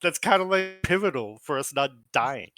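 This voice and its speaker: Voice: medium pitch, animated, normal speed, fairly bright tone. A player in an online tabletop game who chats casually and teases the others with jokes.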